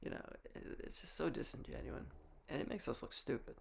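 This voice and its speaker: A man's voice: a little high, fairly quick, a little hiss or hum. A young man from Massachusetts with a mild Massachusetts accent, musing in a wry, rambling, opinionated monologue. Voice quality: gravelly, husky. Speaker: vlogger. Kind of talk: casual monologue.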